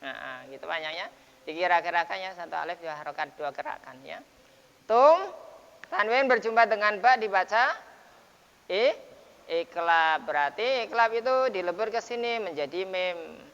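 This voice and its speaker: A man teaching the rules of Quran recitation in a relaxed lesson, explaining step by step with frequent checks and fillers. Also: high voice, moderate pace, gravelly, clean tone. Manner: explains patiently with many repeated checks and fillers. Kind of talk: informal tajwid lesson. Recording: dull lo-fi sound, long reverb.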